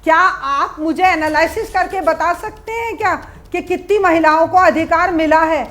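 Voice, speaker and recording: A woman's voice: very high-pitched, normal speed, a bit bright. A woman panelist in a heated televised debate, defiantly repeating short denials.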